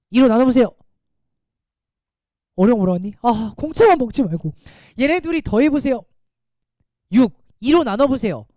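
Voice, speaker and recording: A man teaching a math class, talking casually and quizzing his students with quick rhetorical questions. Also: very high-pitched, no room sound, studio quality. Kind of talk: classroom lecture.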